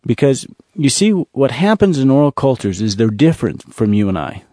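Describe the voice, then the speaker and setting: Male ministry speaker, earnest storyteller, mellow voice, dry close recording. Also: mid-range voice, very animated, no echo. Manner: earnest, repetitive storytelling with slow emphasis. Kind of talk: storytelling testimony.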